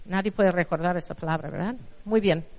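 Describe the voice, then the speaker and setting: Speaking a little fast in a lowish voice, a middle-aged woman from Spain with a Spanish accent lectures on translation in a conversational way and keeps checking in with her audience. The recording is muffled, with the echo of a lecture hall.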